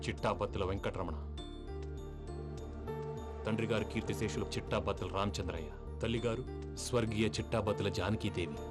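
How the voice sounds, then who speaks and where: A man's voice: fairly low pitch, steady tone, fairly quick, long pauses, loud music behind the voice, lightly acted. An actor playing a talkative, scheming young lover in a film comedy, telling his story at length. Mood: earnest. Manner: long-winded storyteller, dramatic. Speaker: film hero.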